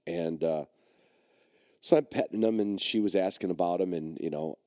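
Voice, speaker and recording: Here the same kind of speaker, a middle-aged dog trainer hosting a podcast, recounts a lengthy personal story. His voice is low and mellow, his pace moderate, and he wanders, looping back with many fillers and restarts. The recording is dry and close-miked.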